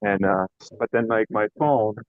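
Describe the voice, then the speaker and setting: A man's voice: fairly low pitch, a little slow, no echo. A man chatting casually on a group call, his voice muffled and sounding underwater through damp wired earphones, chuckling and using lots of fillers. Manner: easygoing, chuckles often, many fillers. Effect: muffled, underwater-sounding voice from water-damaged wired earphones. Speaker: participant in an online group call. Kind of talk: casual chat. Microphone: wired earphone headset mic. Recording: dull muffled lo-fi call audio.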